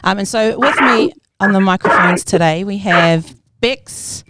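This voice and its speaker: A New Zealand woman hosts a casual podcast chat, easygoing and friendly, often pausing with ums. Her voice sits in a middle pitch, and there is a clear hiss of noise under the recording. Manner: friendly, relaxed, many ums. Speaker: podcast host.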